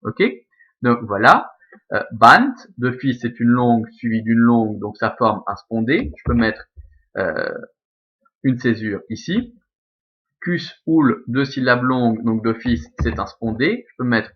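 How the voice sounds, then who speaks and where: A man's voice: medium pitch, lively intonation, slow, highs cut off. A man teaching a Latin class from a recording, explaining step by step and often checking with "ok?". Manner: explanatory, checks understanding with frequent "ok?" and "d'accord?". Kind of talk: recorded remote lesson.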